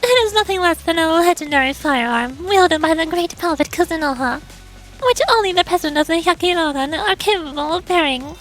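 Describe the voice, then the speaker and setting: A woman's voice: very high-pitched, animated, a little fast, a bit bright, soft background music, low-quality recording. A woman voicing a solemn, self-doubting girl warrior in a game story, with formal, grave phrasing. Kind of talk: amateur voice acting of a game story.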